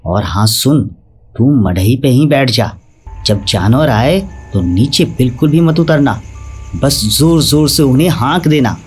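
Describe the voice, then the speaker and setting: Male narrator voicing a cranky old farmer grandpa, scolding and lively, faint music underneath. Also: medium pitch, unhurried, slightly rough. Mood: gruff. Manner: irritable, scolding.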